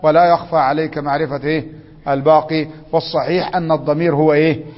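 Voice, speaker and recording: A man's voice: fairly high pitch, flat delivery, fast talker, big-room sound, dull audio. A man with an Egyptian accent teaching a grammar lesson, prompting students with questions and reading rules aloud. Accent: Egyptian Arabic.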